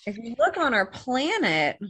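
A woman's voice: fairly high pitch, sing-song, a little slow, fairly bright tone, husky. A woman in casual conversation as an interviewer, tentative and often trailing off mid-thought.

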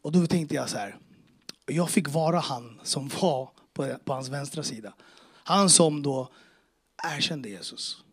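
Husky man telling a faith testimony. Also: fairly high pitch. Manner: casual storytelling with street slang, reenacting dialogue; emotional, earnest. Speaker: speaker giving a personal faith testimony. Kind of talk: church testimony told to an audience.

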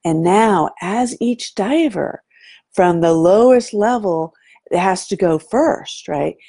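A woman telling a story in a casual talk, animated and often checking in with "right?". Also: mid-range voice, takes it slowly, slightly rough, no room sound, clean studio sound. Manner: animated, fond of saying "right?" to draw the listener in.

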